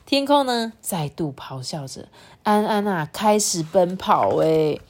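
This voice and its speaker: A woman with a Taiwanese Mandarin accent reading a picture book aloud to her child, breaking off to ask questions and explain the story. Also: unhurried. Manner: expressive, sweeping pitch for drama, often quizzes the child. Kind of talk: storybook reading with chatty commentary.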